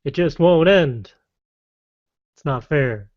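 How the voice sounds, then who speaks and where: A man hosting a casual podcast, reading lists briskly and adding wry, playful asides. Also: a little high, lively intonation. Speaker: podcast host. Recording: dull lo-fi dry podcast audio.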